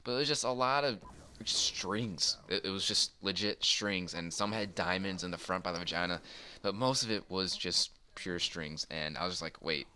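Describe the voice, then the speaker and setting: In a gaming video, a young man rambles casually through a personal story, informal, crude, and amused. His voice is deep with a bright, forceful tone at normal speed, and faint background noise can be heard.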